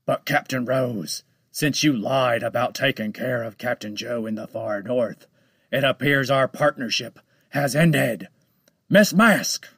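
A man voicing a menacing giant talking male shark in a storybook, speaking with slow, heavy, drawn-out menace. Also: mid-range voice, a bit bright, breathy edge, no room sound, studio quality. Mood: scornful. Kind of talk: storybook read-aloud.

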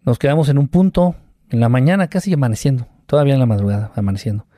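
A man's voice: mid-range voice, rapid-fire, no room sound, studio quality. Mexican man telling stories animatedly. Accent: Mexican Spanish. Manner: animated storyteller who acts out quotes with sound effects. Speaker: guest, UFO contactee. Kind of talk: casual storytelling interview.

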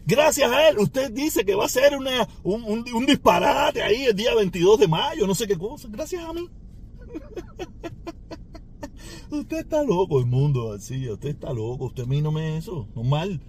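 A man's voice: high voice, lively intonation, moderate pace, few pauses, slight background noise. A man with a Cuban Spanish accent, ranting at a rival on his podcast in a taunting, sarcastic way with mocking laughs. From Cuba. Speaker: podcast host.

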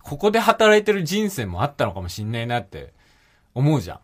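A man's voice: mid-range voice, huge pitch swings, fairly quick. A young man from Okayama telling a self-deprecating story in casual chat, laughing often. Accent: Okayama dialect. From Okayama, Japan. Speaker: podcast co-host.

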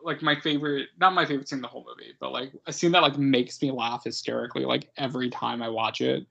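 A man's voice: medium pitch, steady tone, fast talker, creaky, pushed and bright, slightly rough, muffled recording. A man co-hosting a podcast, talking enthusiastically with lots of laughter and casual swearing. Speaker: podcast co-host. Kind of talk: casual chat.

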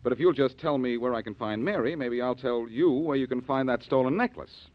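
A wisecracking adventurer who needles everyone with cocky banter. His voice sits in a middle pitch, in 1940s radio acting style. It comes through as an old radio show broadcast with a dull, lo-fi vintage sound. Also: a little fast. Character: tough, wisecracking male adventurer.

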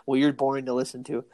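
A man co-hosting a casual sports podcast, excitable and laughing often, tired from an early morning. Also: medium pitch. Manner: excitable, laughs often, acts out quoted exchanges. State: tired, yawning. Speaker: podcast co-host.

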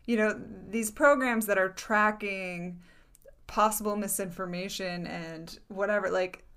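A woman in casual debate, hedging often, filling with "like," and letting sentences trail off softly. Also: medium pitch, steady tone, unhurried, clear, resonant tone.

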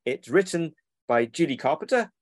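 A man's voice: a little high, expressive, moderate pace, dry recording. A man, a children's book publisher who rambles and corrects himself in a casual interview over a remote call.

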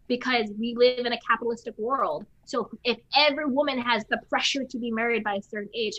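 A woman's voice: medium pitch, sharp tone, no room sound. A woman hosting a podcast in casual conversation, talking emphatically and acting out the voices she quotes. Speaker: podcast host. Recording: slightly dull lo-fi sound.

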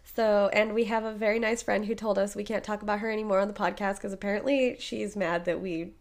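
A woman in her thirties, hoarse from being sick, co-hosting a podcast in casual chat and laughing often as she tells stories. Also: mid-range voice, quick pace. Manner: chatty, laughing often, animated retellings. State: hoarse from illness. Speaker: podcast co-host.

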